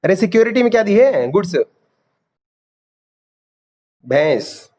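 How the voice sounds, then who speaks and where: A male teacher giving an online class lecture, calling students "beta", drilling key terms and quizzing them for quick answers. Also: sits high, very animated, a little mellow.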